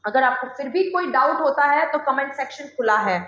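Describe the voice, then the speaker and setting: A woman's voice: high-pitched, brisk, fairly bright tone, roomy sound, dull audio. A woman teaching English pronunciation, drilling word lists aloud and coaxing her students to repeat after her. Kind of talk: spoken phonics lesson.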